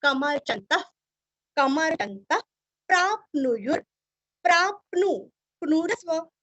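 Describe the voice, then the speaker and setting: A woman's voice: high-pitched, fairly bright tone, dry recording. A woman with a Marathi accent, teaching Sanskrit recitation, carefully drilling each syllable and chanting verses for students to repeat.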